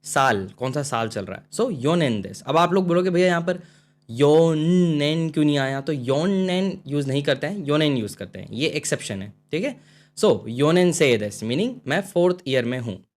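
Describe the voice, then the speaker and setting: A man's voice: a little high, expressive, normal speed. Man teaching a language lesson. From India. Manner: explains step by step with frequent "theek hai?" checks. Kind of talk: online lesson in Hindi-English mix.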